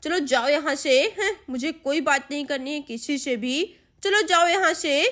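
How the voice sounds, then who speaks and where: A woman's voice: sits high, moderate pace, a bit bright. A woman doing a rude, sulky little girl. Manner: snappy and complaining. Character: rude hungry young girl, sulky and bossy.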